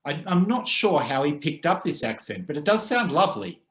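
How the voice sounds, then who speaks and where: A man co-hosting a casual chat, speaking thoughtfully with frequent hesitant pauses. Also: fairly high pitch, big pitch swings. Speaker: co-host. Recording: roomy echo.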